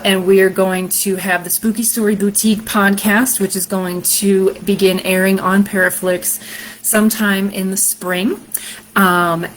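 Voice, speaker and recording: A woman host and storyteller with a deep, sultry voice, chatting casually on a live stream in a rambling way. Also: slight background noise, rough recording. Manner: chatty and rambling, many fillers.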